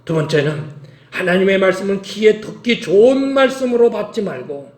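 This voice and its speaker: A man's voice: high-pitched, lively intonation, normal speed, reverberant. A male pastor preaching a sermon, emphatic and urging his listeners to act, repeating his calls.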